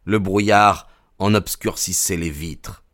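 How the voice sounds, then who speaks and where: A man's voice: sits low, a bit bright, no room sound, studio quality. Man narrating a dramatic audiobook. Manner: measured, dramatic storytelling.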